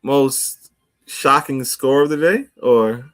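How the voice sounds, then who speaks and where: A man's voice: medium pitch, takes it slowly, fairly bright tone. A man co-hosting a sports podcast, chatting in a laid-back, agreeable way. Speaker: podcast co-host. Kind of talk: casual sports chat.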